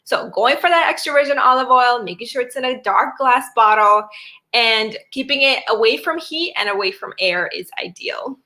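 A woman's voice: fairly high pitch, animated, moderate pace, sharp tone. A woman from Sri Lanka giving a chatty health presentation on a video call, with many fillers and restarts. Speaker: wellness doctor presenting a webinar.

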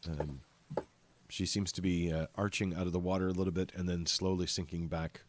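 A man's voice: sits low, steady tone, fairly quick, background noise. A man narrating a tabletop game as game master, describing scenes with frequent ums and uhs.

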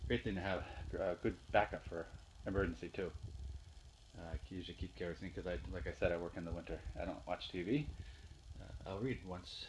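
Low-voiced man filming his garage workshop. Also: slight background noise, poor audio. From Northeastern Pennsylvania. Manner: plain, unhurried, with fillers and restarts. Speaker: hobby woodworker. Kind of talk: casual show-and-tell vlog. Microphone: handheld phone camera.

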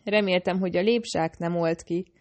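A woman narrating a novel in the first person, reading in a steady, measured way. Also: fairly low pitch. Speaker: audiobook narrator.

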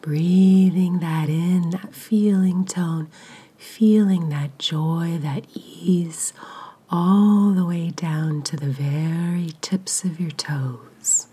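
Woman meditation guide, whispered throughout, low and mellow, very slow delivery. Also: fairly even intonation. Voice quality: whispering, breathy. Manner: soft, slow, soothing pauses.

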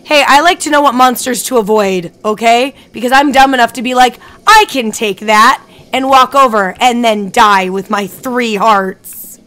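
A woman streaming a video game live, chatting and thinking out loud with excited reactions. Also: a little high, moderate pace, few pauses. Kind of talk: live gameplay commentary.

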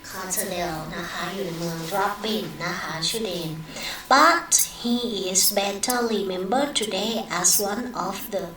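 A woman teaching English with a Thai accent, explaining in Thai and reading English phrases slowly aloud, adding polite particles after nearly every phrase. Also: mid-range voice, a bit bright, roomy sound, distant mic, slight background noise, poor audio. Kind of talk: recorded online lesson.

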